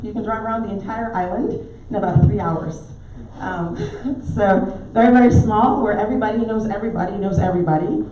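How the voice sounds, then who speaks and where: A naturopathic doctor from Barbados, middle-aged, tells warm stories with filler ums as guest speaker at a club meeting in a pub dining room. Her medium-pitched voice moves a little fast with hardly any pauses, and her Barbadian accent is softened by years in the US. Background noise accompanies the echoey, dull, distant room recording.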